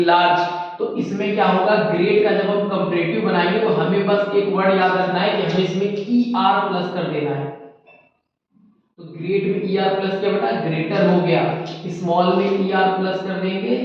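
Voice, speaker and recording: High-voiced male teacher in an echoey classroom. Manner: calls students "beta", repeats words slowly. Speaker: English teacher. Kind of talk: classroom grammar lesson. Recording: echoey room, distant mic, dull sound.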